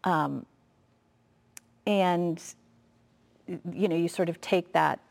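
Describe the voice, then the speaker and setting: Calm low-voiced woman giving parenting advice. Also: takes it slowly, vocal fry. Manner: calm, advising, models phrases for parents to say. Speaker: child psychologist guest. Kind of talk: casual chat.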